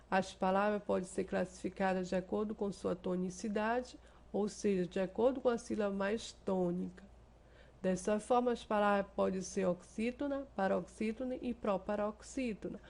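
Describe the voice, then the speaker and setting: A Brazilian woman teaching a class. She explains step by step, keeps checking that her students follow, and draws out the example words slowly. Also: medium pitch, fairly even intonation, a little mellow. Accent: Brazilian Portuguese. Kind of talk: remote class lesson.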